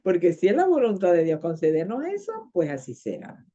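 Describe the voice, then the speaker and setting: A woman's voice: on the low side, wildly swooping pitch, fairly quick, mellow. A woman preaching a sermon with Bible reading, impassioned and repeating phrases to drive them home. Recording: dull lo-fi audio.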